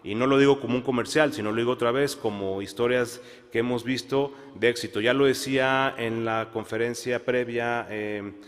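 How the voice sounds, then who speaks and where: A man speaking on a conference panel, measured, with fillers and restarts. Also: mid-range voice, steady tone. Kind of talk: panel discussion. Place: conference hall. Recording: long hall reverb.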